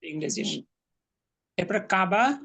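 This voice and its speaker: A man's voice: high-pitched, lively intonation, slow pace, vocal fry, fairly bright tone. A man teaching an Arabic class online, patiently explaining grammar and correcting his students' pronunciation.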